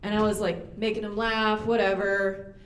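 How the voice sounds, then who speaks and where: A young woman doing a stand-up comedy set on a club stage, delivering deadpan punchlines and quick acted-out voices into a handheld mic. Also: medium pitch, a little hiss or hum. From United States. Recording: roomy club with audience ambience.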